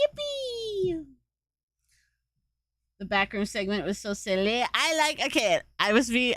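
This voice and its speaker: A woman's voice: mid-range voice, dry recording. A woman streaming live, chatting casually with her viewers and cooing at her cat, laughing often.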